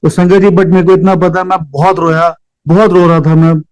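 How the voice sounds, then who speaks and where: A man's voice: sits high, little pitch movement, normal speed, a little mellow, clean tone, no room sound, soft background music, low-quality recording. A middle-aged man earnestly sharing a devotional personal story, mixing English words into his speech and often addressing his listeners respectfully. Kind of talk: devotional testimony, casual storytelling.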